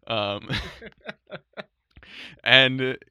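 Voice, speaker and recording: Podcast guy recapping a show, bright voice, dry close mic, keeps laughing. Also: medium pitch, very animated, very slow, smooth, dry recording. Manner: laughs often, acts out quotes. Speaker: podcast host. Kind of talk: casual chat recap.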